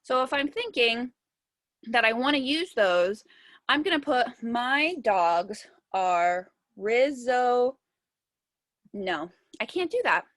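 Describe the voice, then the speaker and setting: A young woman teaching a virtual music lesson, patiently explaining step by step and sounding words out slowly. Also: sits high, lively intonation, a bit bright, no room sound.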